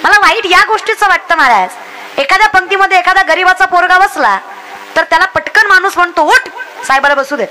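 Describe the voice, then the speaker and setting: High-voiced bright woman preacher. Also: quick pace, slight background noise. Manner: exhorting the crowd, acting out villagers' lines. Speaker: kirtan preacher. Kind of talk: comic devotional sermon.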